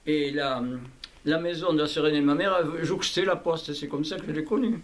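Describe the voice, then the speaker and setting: An elderly man from southwest France talks casually and haltingly, repeating himself, recorded by a hidden microphone. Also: on the high side, fairly even intonation. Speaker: interviewee, childhood friend recalling the past. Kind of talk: casual conversation, reminiscing. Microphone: hidden camera microphone. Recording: noisy candid hidden-mic recording, clicks.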